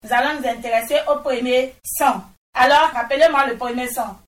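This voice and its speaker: Slow, bright-voiced teacher in an echoey classroom. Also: female voice, high voice, steady tone, distant mic. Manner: patient, repeats each answer back and praises. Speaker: primary school teacher. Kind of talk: slow, deliberate classroom instruction. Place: classroom with pupils. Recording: echoey room, voice off-mic.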